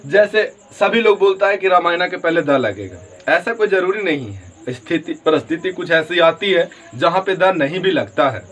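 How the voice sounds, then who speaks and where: High-voiced man teaching English grammar. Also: animated, a bit bright, poor audio. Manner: explains slowly, repeats "theek hai na", spells words letter by letter. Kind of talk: online grammar lesson.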